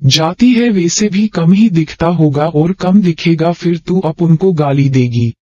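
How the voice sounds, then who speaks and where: A man's voice: fairly high pitch, unhurried, a little mellow, dry recording. A man voicing a brash young woman who flips between whiny pleading and cocky street slang, on a dull lo-fi recording. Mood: cheeky.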